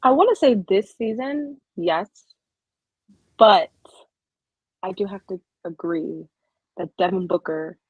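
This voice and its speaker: A man appearing as a guest on a casual sports podcast, hedging and slow to commit to an answer. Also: high-pitched, breathy edge, dry recording, muffled recording. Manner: hedging, undecided.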